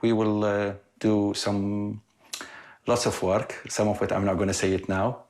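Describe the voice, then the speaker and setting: A man from Iraq, a property developer, answering interview questions in halting, slightly broken English with many pauses. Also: on the low side, flat delivery, a little mellow. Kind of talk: on-site interview.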